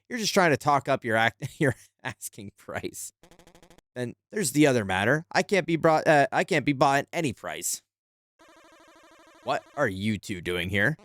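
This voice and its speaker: A man voicing a sharp-tongued young woman alchemist in a video game, reading her lines in a dry, mocking way. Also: mid-range voice, dry recording.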